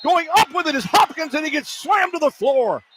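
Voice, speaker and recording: Calling radio play-by-play from a college basketball arena, this announcer has a very high-pitched, expressive voice and a brisk pace. His descriptions are clipped and continuous, growing emphatic on big plays, with arena ambience and noise behind the live broadcast.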